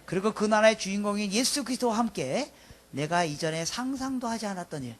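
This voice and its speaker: A pastor in his fifties preaching a sermon, swinging from loud emphatic lines to soft, quiet asides. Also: sits high, expressive, fairly quick. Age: 50s.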